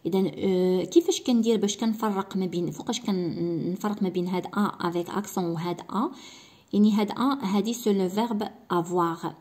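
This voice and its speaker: A woman's voice: medium pitch, warm tone. A woman with a Moroccan accent, teaching a primary school French lesson and explaining each point step by step. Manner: slow, deliberate reading of French example sentences.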